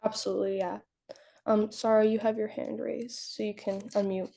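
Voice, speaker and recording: A young woman moderating a webinar on a video call, speaking in a relaxed, thoughtful way. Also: medium pitch, normal speed, gravelly. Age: young adult.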